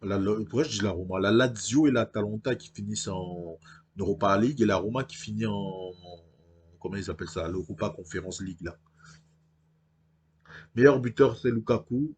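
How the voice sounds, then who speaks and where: Male gaming host, fairly low voice, loose commentary with many hesitations. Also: normal speed, darkish tone, a little hiss or hum. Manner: thinks aloud with frequent hesitations. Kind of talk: casual game commentary.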